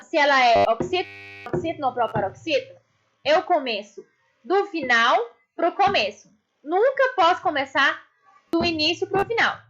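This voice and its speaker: A woman's voice: high voice, a bit bright. A woman teaching an online class to young children in Brazilian Portuguese, explaining patiently and affectionately. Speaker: primary school teacher. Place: indoors, construction noise nearby. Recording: muffled lo-fi home recording.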